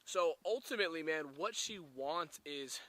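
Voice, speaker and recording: A young man talks to camera about relationships in a casual, emphatic way, peppering every thought with "man" and "right?". His voice sits a little high and sounds bright and forceful. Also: lively intonation, moderate pace. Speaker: dating advice vlogger. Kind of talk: casual direct-to-camera advice talk.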